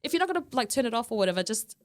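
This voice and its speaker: A woman's voice: fairly high pitch, very fast. A woman in her thirties co-hosting a podcast in casual chat, telling family stories with lots of laughter and acted-out voices. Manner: animated, laughing storyteller who acts out family voices. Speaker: podcast co-host.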